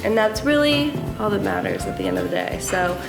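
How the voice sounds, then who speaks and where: A woman with a gravelly, medium-pitched voice hosts a family craft video, talking fairly quickly as she gives a young child simple instructions. She's animated and encouraging, chatting casually in an echoey room with music playing underneath.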